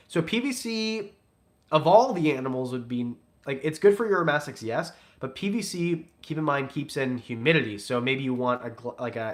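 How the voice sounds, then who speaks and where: A young man hosting a casual reptile livestream, reading out donations and chatting in a loose, jokey, rambling way. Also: medium pitch. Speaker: reptile breeder and channel host.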